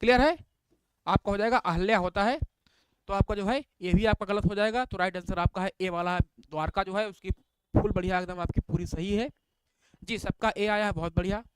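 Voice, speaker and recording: Recorded dry, this man speaks at normal speed in a voice that sits high, clear and resonant. Leading an online exam-prep session, he reads out spelling questions with options, repeatedly asks "what is it?", and compliments viewers by name while addressing them as bhaiya.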